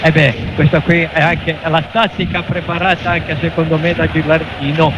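An Italian man giving unscripted football analysis as second commentator, halting and repeating his words. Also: on the high side, level tone. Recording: dull lo-fi feed, stadium noise. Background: stadium noise.

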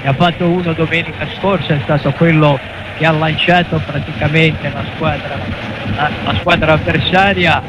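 An Italian man giving unscripted football analysis as second commentator, halting and repeating his words. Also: a little high, steady tone. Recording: dull lo-fi feed, stadium noise. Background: stadium noise.

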